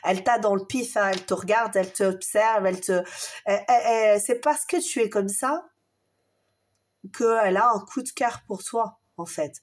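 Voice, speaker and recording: A woman's voice: medium pitch, normal speed. A woman giving a casual tarot reading straight to the viewer, affectionate and encouraging, her voice a bit strained. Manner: affectionate, encouraging, chatty with many fillers. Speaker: tarot card reader.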